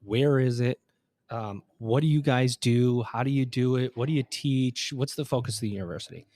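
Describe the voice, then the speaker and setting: A man hosting a live podcast interview at a conference, energetic and joking, a little out of breath. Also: mid-range voice. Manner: energetic, joking, fast-talking. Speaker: podcast host. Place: conference hotel.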